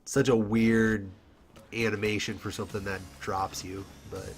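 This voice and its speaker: With game music playing, a male esports commentator calls a fighting game tournament alone in a casual style, his voice on the low side with little pitch movement at a measured pace. Congested from a cold, he chats along with plenty of fillers and small laughs, and there's a little hiss or hum.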